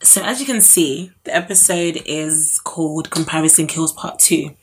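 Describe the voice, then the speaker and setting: A woman's voice: low voice, normal speed, slight background noise, rough recording. A woman in her twenties with an Essex accent, hosting a casual podcast in a chatty, slangy way. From Essex, England. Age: 20s. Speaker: podcast host.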